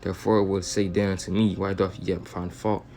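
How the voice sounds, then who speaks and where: A man's voice: deep voice, little pitch movement, brisk, mellow, soft background music. A man reading old-fashioned scripture aloud and explaining it in loose, slangy talk with swearing. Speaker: Bible teacher. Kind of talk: casual Bible study reading.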